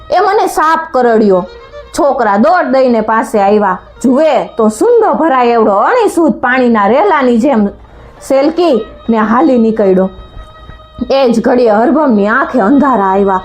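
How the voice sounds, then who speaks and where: Expressive woman folk storyteller. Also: fairly high pitch. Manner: dramatic, expressive storytelling with rhetorical questions. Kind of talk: folk tale narration. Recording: faint background music.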